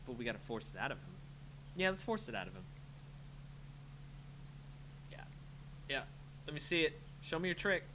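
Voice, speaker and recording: Playing a game on his card game channel, this man keeps up a casual running commentary, self-talking and muttering with playful sing-song filler. He sounds very animated in a mid-range voice, moving at a moderate pace with frequent pauses against a noisy background.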